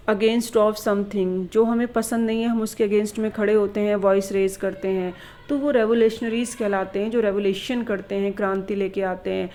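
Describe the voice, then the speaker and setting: A woman teacher going through exam questions with students, reading English questions slowly and explaining them in Hindi mixed with English. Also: on the high side, darkish tone, rough recording. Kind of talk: exam revision lesson.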